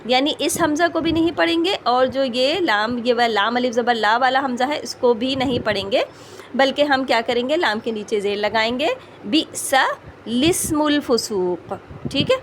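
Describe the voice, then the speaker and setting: A woman's voice: high voice, a little hiss or hum. A woman teaching Quran recitation rules, patiently explaining and often checking that her students follow. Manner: patient, repeats "ٹھیک ہے؟" checks, slows to model sounds. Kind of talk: explanatory tajweed lesson.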